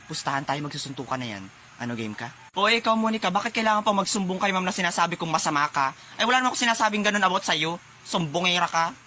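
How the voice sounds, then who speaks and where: A man races through a bickering comedy skit, switching between classmates at high speed. His voice is bright and forward, with a faint noisy hiss behind it. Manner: fast, bickering, shifting voices for each character. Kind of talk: comedy skit, one creator playing many classmates.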